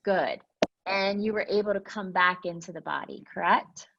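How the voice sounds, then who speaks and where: A woman teaching a mindfulness class in a gentle, reflective way, often checking in with "right?", heard over a video call. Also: on the low side, moderate pace, gravelly. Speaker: meditation teacher. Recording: dull lo-fi call audio.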